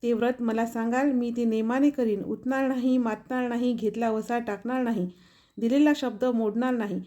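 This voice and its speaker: A timid young maid in a storybook palace, full of worried questions and pleas. Her voice is gentle and mellow, a little high, played by a woman narrator. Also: fairly even intonation, normal speed, close to an everyday voice. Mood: pleading. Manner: questioning, pleading.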